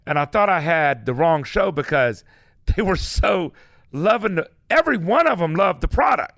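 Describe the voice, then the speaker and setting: A man's voice: fairly high pitch, animated, normal speed, gravelly, a bit bright, no echo, studio quality. A man co-hosting a radio show, asking questions in a chatty, stumbling way. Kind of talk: casual interview.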